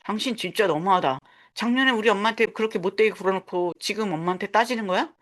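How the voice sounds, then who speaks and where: A woman voicing a grown son who shouts at his wife in exasperation. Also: medium pitch, fast talker, lightly acted. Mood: angry.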